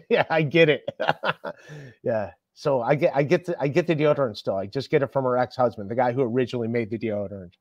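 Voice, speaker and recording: A man's voice: medium pitch, a little mellow, no echo, highs cut off. A man hosting a casual podcast chat, swearing a lot and ranting when annoyed. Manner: profane, ranting, quick to anger. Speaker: comedian podcast host.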